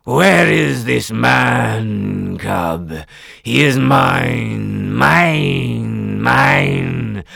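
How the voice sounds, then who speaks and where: A man voicing a huge, angry male tiger who speaks slowly, loudly and with menace, in a storybook reading. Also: mid-range voice, gravelly, no room sound, clean studio sound, faint music behind, full character voice. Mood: menacing. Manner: slow, loud and looming.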